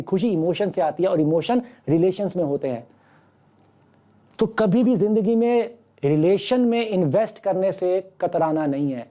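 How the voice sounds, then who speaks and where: Male maths teacher with a warm, mellow voice, fatherly and fond of rhetorical questions, giving an online class pep talk. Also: high-pitched. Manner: fatherly, addresses students as beta, asks rhetorical questions.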